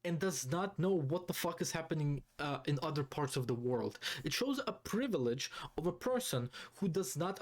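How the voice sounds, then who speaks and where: A male streamer with a voice a bit higher than most men's delivers a casual rant. He swears freely and leans on key phrases, repeating them for emphasis. The delivery is opinionated and conversational. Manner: foul-mouthed, emphatic, repeats phrases for stress. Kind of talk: casual political rant commentary.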